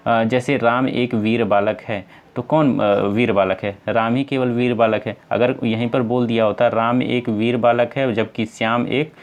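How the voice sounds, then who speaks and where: A man's voice: medium pitch, fairly even intonation, unhurried, few pauses. Man teaching Hindi grammar. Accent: North Indian Hindi. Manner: explains step by step, asks and answers own questions; addresses viewers as friends, many fillers. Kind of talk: exam-prep lesson.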